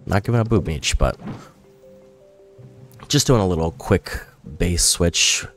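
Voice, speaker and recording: A gaming YouTuber talks over his gameplay video in a low-pitched, fairly bright voice, unhurried but with lively intonation. He's chatty and rambling, correcting himself as he goes, and sounds a little nasal from a cold. Music plays behind him.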